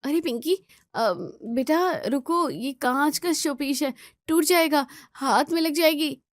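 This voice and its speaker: A woman voicing a polite, gentle young new daughter-in-law. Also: high-pitched, slow, no echo, studio quality, pitched above the performer's own voice. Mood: pleading.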